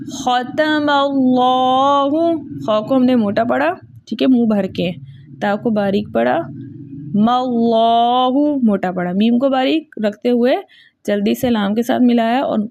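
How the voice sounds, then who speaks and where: A woman teaching the rules of Quran recitation in Urdu with a Pakistani accent, patiently repeating each point, checking understanding, and chanting verses slowly. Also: a little high, warm tone, dull audio, slight background noise. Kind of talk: tajweed lesson.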